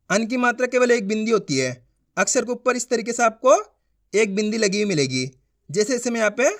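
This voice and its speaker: Lively high-voiced woman teaching syllables. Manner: patient, drawn-out syllables, repeats each sound twice; checks understanding with quick questions. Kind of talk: beginner reading lesson.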